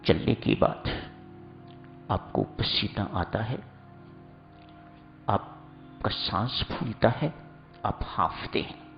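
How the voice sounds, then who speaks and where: Male preacher, unhurried and teaching, pitch rising and falling widely. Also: expressive, vocal fry, highs cut off, faint music behind. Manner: slow, instructive, addresses listeners as seekers. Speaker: spiritual preacher. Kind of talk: sermon.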